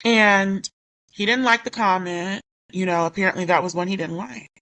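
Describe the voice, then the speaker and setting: A woman still getting her voice back speaks at a normal pace in a mid-range, fairly even voice with a sharp edge, and the audio is poor. In her commentary vlog she's indignant, reading her own comments aloud and rambling as she keeps correcting herself mid-sentence.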